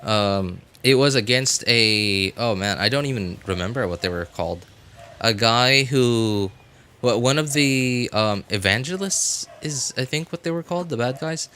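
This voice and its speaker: With music running underneath and a bit of background noise, a male game streamer offers rambling, casual livestream commentary while thinking aloud. He has a mid-range, bright voice with a forceful tone and speaks at a measured pace.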